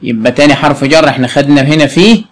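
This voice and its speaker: A man with an Egyptian Arabic accent teaching a young pupil, spelling out words slowly and quizzing her as he goes. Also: a little high. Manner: slow, clearly spelled out words with frequent quiz questions. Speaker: primary school Arabic teacher. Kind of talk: patient classroom explanation to a young pupil.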